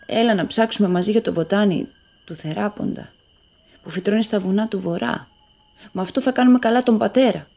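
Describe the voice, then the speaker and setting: A woman voicing a gentle young prince who speaks softly and pleads with his brother. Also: medium pitch, vocal fry, voice pushed up. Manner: soft-spoken and pleading.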